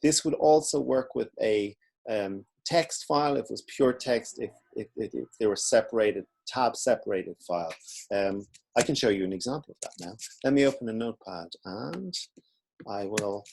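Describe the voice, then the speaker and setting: A man teaching in a relaxed, informal way, walking through a screen-recorded software tutorial. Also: lowish voice, normal speed, creaky, breathy edge. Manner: relaxed, informal explaining while clicking.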